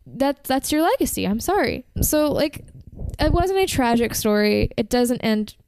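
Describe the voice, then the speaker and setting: A woman co-hosting a music podcast in casual chat, chatty and enthusiastic, slightly hoarse from talking. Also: on the high side, sing-song, unhurried, darkish tone, slight background noise. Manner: chatty, filler-heavy, enthusiastic about bands. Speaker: podcast co-host.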